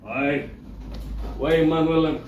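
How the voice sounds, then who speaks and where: A man voicing a gruff, quick-tempered old village shepherd uncle in shadow puppet theatre, grumbling and blustering. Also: a little high, steady tone, phone-quality sound, slight background noise, voice pushed down, natural voice. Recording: echoey distant stage mic, faint ambience.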